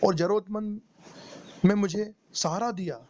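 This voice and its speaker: A man's voice: high-pitched, fairly even intonation, a little slow. A man, a meditation teacher, narrating a motivational first-person story in an emotional, pleading way. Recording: dull lo-fi recording with faint noise.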